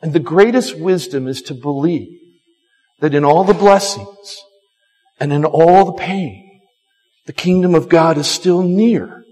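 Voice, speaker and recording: A man preaching a sermon as pastor, animated and acting out quoted lines, often repeating himself. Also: fairly high pitch, unhurried. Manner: animated, acts out quotes, frequent repetitions. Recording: long hall reverb.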